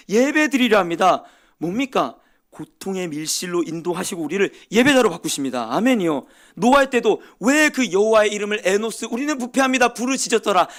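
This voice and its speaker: A man preaching a sermon in church, swinging from loud emphatic cries to quiet asides. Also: high-pitched. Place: church sanctuary.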